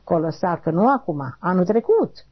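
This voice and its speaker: A woman, being interviewed for an oral history, talking haltingly, repeating short affirmations and trailing off quietly. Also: lowish voice, very animated, slightly rough. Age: 80s. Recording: dull lo-fi recording.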